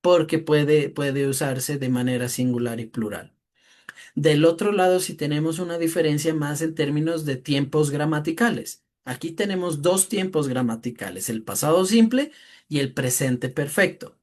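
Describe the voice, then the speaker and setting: A teacher explaining a lesson from a slide, often pausing for a quick tag question to the class and repeating words while thinking. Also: mid-range voice, a little mellow.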